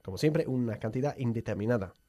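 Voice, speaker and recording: Hombre animado, voz oscura y cálida. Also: male voice, mid-range voice, lively intonation, fast talker, mellow, no room sound, clean studio sound. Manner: upbeat, laughs often, drills pronunciation. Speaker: English teacher and host. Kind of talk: bilingual radio English lesson.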